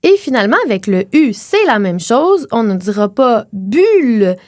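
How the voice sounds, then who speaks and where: A young woman with a Québécois accent, explaining phonetics on a podcast in a clear, teacherly way, slowing down to model sounds. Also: on the high side, sing-song, a little mellow, no room sound, clean studio sound. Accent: Québécois French.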